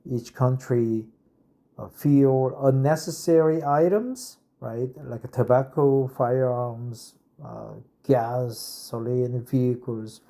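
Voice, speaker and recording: With a dark-toned, mid-range voice, a Korean man in his fifties reads and explains an article in English, which isn't his first language. His Korean accent comes through, and he fills his speech with "uh" and frequent "right?" tags as part of his English practice.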